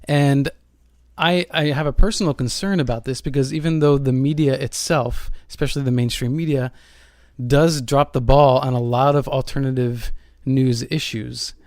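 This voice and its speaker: A man's voice: medium pitch, fairly even intonation, moderate pace, darkish tone, no echo. Paranormal radio host, a man, dry close sound. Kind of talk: radio show hosting, conversational.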